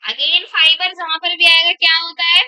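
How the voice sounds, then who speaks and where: A woman's voice: extremely high pitch, little pitch movement, normal speed, bright, forceful tone, no echo. A woman biology teacher lecturing in a classroom, asking the class questions and repeating their answers back, in a dull lo-fi recording. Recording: dull lo-fi sound.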